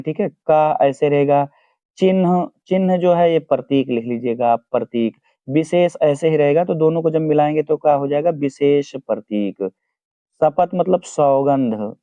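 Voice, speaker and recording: Hindi teacher dictating meanings, phone-like sound. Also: male voice, on the high side, no echo. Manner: slow, repeats each meaning for dictation. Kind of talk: explaining poem word by word. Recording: dry, phone-like narrow sound.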